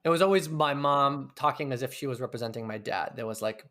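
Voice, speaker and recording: A guest in a reflective interview talks at a quick pace, his medium-pitched voice a bit bright. The recording is dry and studio-clean. He is thoughtful and searching in his answers, with occasional relaxed swearing.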